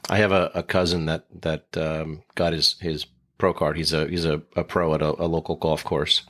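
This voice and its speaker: Male podcast host, deep voice, rambling conversational delivery. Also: flat delivery, normal speed, fairly bright tone. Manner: rambling, full of restarts and "you know". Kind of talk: casual interview chat.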